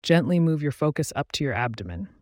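A man guiding a relaxation meditation in a calm, soothing, measured way, giving instructions with pauses. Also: fairly high pitch, dry recording, clean studio sound. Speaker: meditation guide. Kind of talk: guided relaxation meditation narration.

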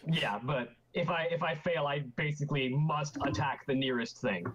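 A man's voice: on the high side, moderate pace, dull audio, noisy background. A man chatting casually as a player at a tabletop game, declaring his moves.

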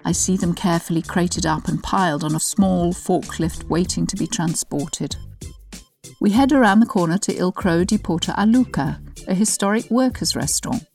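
Casting: low, gravelly woman, measured documentary narrator over soft music. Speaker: interviewer and narrator.

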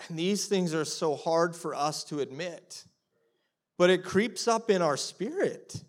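A man preaching a sermon as pastor, earnest, acting out prayers to God and dropping to a soft hush at times. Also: on the high side, unhurried. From Canada.

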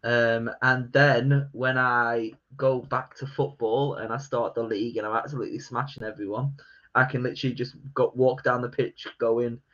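Bright-voiced man, lo-fi podcast. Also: mid-range voice, steady tone, moderate pace. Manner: laughing, quoting film lines. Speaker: podcast co-host. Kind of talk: casual film chat. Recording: dull lo-fi podcast audio.

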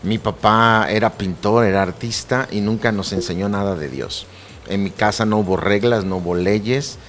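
A man's voice: low voice, slight background noise. A middle-aged man, a pastor earnestly telling his personal testimony and quoting scripture. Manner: earnest, preacherly, quotes scripture.

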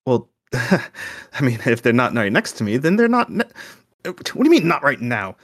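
A man playing a rattled, sarcastic son lost without his friends in improvised tabletop role-play, halting and flustered as he talks. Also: mid-range voice, very animated, no echo, clean studio sound. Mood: confused, alarmed.

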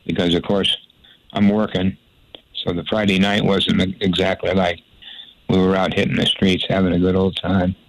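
A man's voice: low voice, level tone, normal speed, noisy background. An older man, a former sports broadcaster, telling rambling folksy anecdotes in an interview, with frequent restarts. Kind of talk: storytelling interview.

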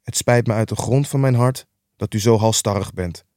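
A man's voice: lowish voice, normal speed, mellow, no echo, natural voice. A man voicing a relentlessly cheerful young nephew in an audiobook reading, earnest, upbeat and pleading. The recording is dry and close.

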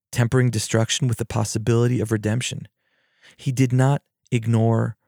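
A man, a therapist and podcast host, giving a gentle, reflective mindfulness talk and telling stories. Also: fairly low pitch, vocal fry, no echo, clean studio sound.

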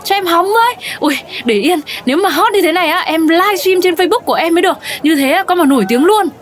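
A woman's voice: very high-pitched, animated, quick pace. A woman voicing a nosy, boastful young social media influencer in a comedic audio drama. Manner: chattery, boastful.

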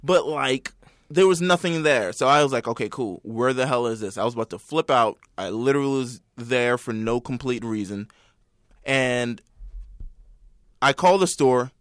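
A young man, telling a story as a profane, animated rant in casual chat. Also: medium pitch, normal speed, dry recording, studio quality. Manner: swears a lot, animated storytelling.

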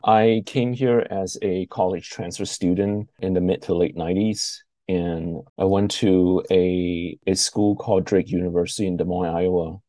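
A man's voice: low-pitched, steady tone, normal speed, few pauses, mellow, dry recording. A man in his forties from Malaysia, a filmmaker answering interview questions thoughtfully, sometimes searching for words. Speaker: guest filmmaker.

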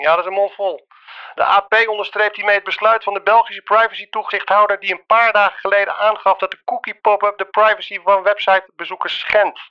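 A man's voice: sits high, clear, resonant tone. A man leaving a voicemail message, heard played back over a phone line, reading out a news report in a businesslike manner. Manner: businesslike, reads a report aloud. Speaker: caller. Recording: dull lo-fi phone playback.

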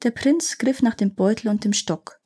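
A woman reading a fairy tale aloud in a clear, measured storytelling manner. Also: fairly high pitch, dark tone.

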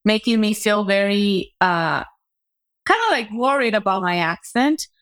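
With lively intonation and a measured pace, a woman entrepreneur tells her career story as an interview guest, reflecting and frequently asking "right?". Her mid-range voice is a bit bright and clean.

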